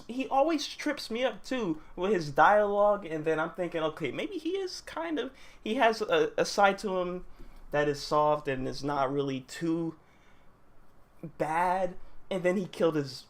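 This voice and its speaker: Excitable streamer guy reacting live, voice jumps all over, repeats stuff, slangy. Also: high voice, normal speed.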